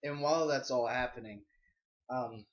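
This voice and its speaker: A man's voice: mid-range voice, normal speed, dull audio. A man co-hosting a casual podcast, telling a story hesitantly with many ums and restarts. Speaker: podcast co-host.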